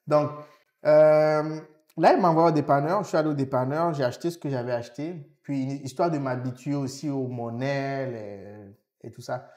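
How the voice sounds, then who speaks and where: A man's voice: medium pitch, normal speed, darkish tone, reverberant. A man co-hosting a podcast, telling a story in casual chat and checking in often with his listener. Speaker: podcast co-host.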